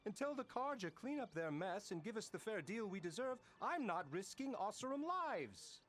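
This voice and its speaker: A pompous, scheming foreman, puffed up and self-important. His voice sits fairly high and swings widely as he boasts. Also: sing-song, moderate pace, fairly bright tone, a little hiss or hum.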